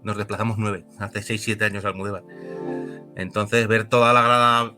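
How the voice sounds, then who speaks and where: A man from Spain, a football club director, talking in a halting, heartfelt way as an interview guest. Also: on the low side, little pitch movement, bright, forceful tone, soft background music. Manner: emotional, halting.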